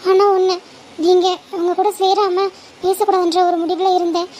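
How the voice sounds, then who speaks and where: A woman voicing an anxious, devoted young woman in love in a homemade animated cartoon, pleading and clinging. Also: normal speed, a little hiss or hum. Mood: hesitant. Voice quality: very high, girlish.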